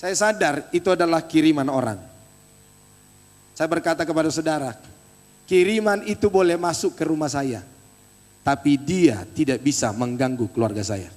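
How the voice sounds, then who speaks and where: High-voiced pastor preaching in echoey church. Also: male voice, normal speed, pauses often. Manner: animated, exhorting, addresses congregation directly. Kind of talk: sermon.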